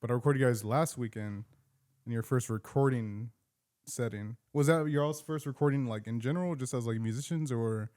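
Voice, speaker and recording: A man's voice: medium pitch, fairly quick, a little mellow. A man, hosting a casual podcast interview, rambling and laid-back with many fillers. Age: late 20s. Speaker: podcast host.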